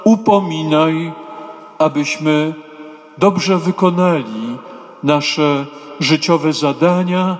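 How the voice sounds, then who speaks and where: A man delivers a sermon in a slightly high voice, unhurried and solemn, breaking his sentences into short measured phrases that now and then drift into a half-sung chant. His words hang in the long reverb of a church. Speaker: preacher.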